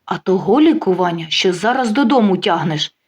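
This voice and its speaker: A woman's voice: medium pitch, animated, a little fast, husky. A woman playing a dry, mocking wife. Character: calm, sharp-tongued wife getting even.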